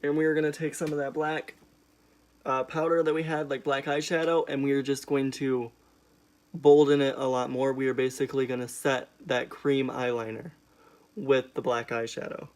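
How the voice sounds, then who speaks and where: A man's voice: mid-range voice, flat delivery, normal speed. A young man with a sassy, emphatic drag-queen delivery, chatting casually as he hosts a makeup tutorial. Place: indoors, small room at home.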